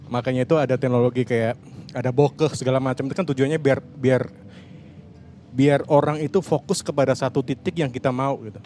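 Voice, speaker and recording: A man's voice: medium pitch, darkish tone, a little hiss or hum. A man, a podcast co-creator explaining his camera and sound work on a panel, often restarting and searching for words. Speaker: podcast co-creator and cinematographer guest. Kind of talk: casual panel talk, explaining.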